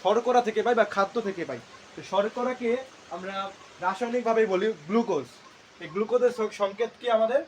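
Male teacher, high-pitched, lecture style, drills terms by asking and answering his own questions. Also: a little fast, a little hiss or hum. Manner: repeats key terms to drill them. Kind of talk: classroom lecture.

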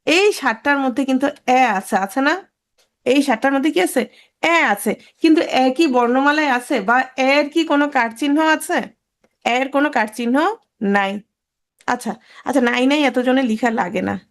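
A woman in her thirties teaches an online grammar class in a high voice. She keeps asking her students questions and then answers them herself. She slows down to repeat the key words.

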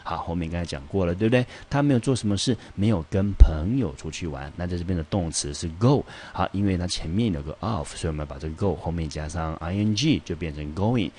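A man with a Taiwanese Mandarin accent teaching an English vocabulary lesson, patiently slowing down to read example sentences. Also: low-pitched, expressive, a little mellow, a little hiss or hum.

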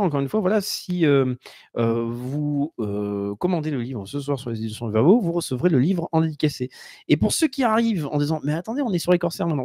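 A man's voice: on the high side, warm tone, no echo, studio quality. A man hosting a live-streamed talk show, rambling and promotional as he plugs a book and introduces his guest. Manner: rambling, promotional, filler-heavy. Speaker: host.

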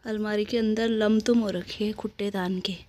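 A woman's voice: medium pitch, steady tone, normal speed, a little mellow. A woman with a Pahari Hindi accent filming a casual home vlog and talking in a playful, sing-song way to a pet. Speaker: vlogger. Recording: background noise.

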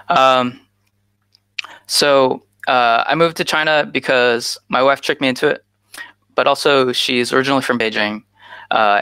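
A guest speaker, an American man in his thirties, gives a conference talk over a video call on a headset, earnest and informal with frequent "uh" fillers. His medium-pitched voice is creaky, pushed and bright, clear and resonant, and the recording is dry.

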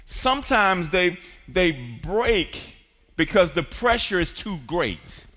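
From a church stage, a pastor with a bright, high-pitched voice delivers an expressive sermon slowly, moving between quiet passages and shouted climaxes and calling on the congregation to respond. The large hall gives his voice a long, ringing reverb.

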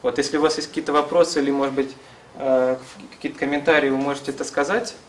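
In a small, classroom-like seminar room, a man in his thirties gives an informal lecture and fields questions, hesitating as he hunts for the right words. His medium-pitched voice stays steady and moves at a quick pace. A camera several metres away picks him up from a distance, with faint room noise in the background.

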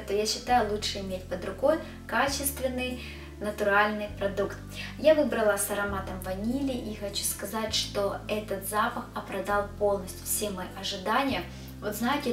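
A chatty woman beauty vlogger reviews body care products and talks to her viewers as girls. Her voice sits in a middle register and sounds a little distant from the mic. The room around her is echoey. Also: medium pitch.

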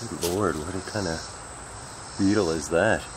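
Holding the camera at arm's length, a middle-aged urban exploration vlogger with a low, gravelly voice talks slowly and casually, a bit uneasily, in a rambling vlog. He's at an abandoned derelict house and the surrounding woods, with faint outdoor noise and chirping insects behind him.

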